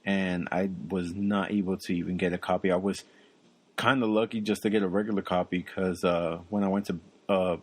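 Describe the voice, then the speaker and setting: A young man talks casually as a podcast co-host. His voice sits low, and he rambles along, filling pauses with ums and uhs. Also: steady tone. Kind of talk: casual chat.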